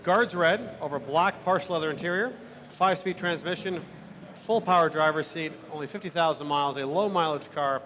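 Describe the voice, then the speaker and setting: Male auction announcer, fairly high voice, formal lot read-out, faint background noise. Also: fairly bright tone.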